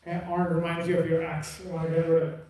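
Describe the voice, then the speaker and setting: High-pitched guy teaching a class, keeps repeating stuff and teasing students, sounds distant and roomy. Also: completely flat delivery, rapid-fire, a little mellow. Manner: emphatic, repetitive, teasing. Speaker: lecturer. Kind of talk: classroom lecture. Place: lecture room. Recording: echoey room from far off.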